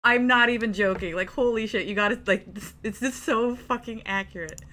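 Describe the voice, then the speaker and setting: Fast, chatty woman streamer. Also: a little high, sharp tone, a little hiss or hum. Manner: fast, chatty, full of likes and laughs. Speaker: live streamer. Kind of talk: casual chat.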